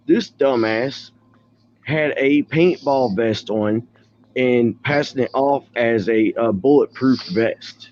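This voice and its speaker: A man's voice: medium pitch, slow pace, a little mellow, muffled recording. A man from Louisville, Kentucky on a stream call, ranting in a mocking, heated way. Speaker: live stream caller. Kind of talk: casual ranting chat.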